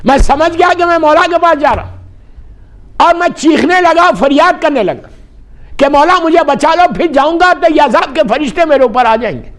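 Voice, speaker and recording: A man's voice: very high-pitched, expressive, fairly bright tone. A middle-aged male religious scholar preaching a mourning-gathering sermon from the pulpit. He tells a story, speaks straight to the audience as friends and mixes English phrases into his speech. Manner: addresses the audience directly as friends.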